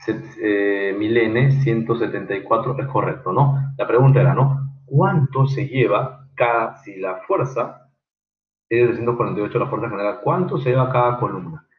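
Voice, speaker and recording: A man teaching an online engineering class, halting with many fillers and quizzing students by name. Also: fairly low pitch, roomy sound, phone-quality sound, a little hiss or hum. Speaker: engineering lecturer.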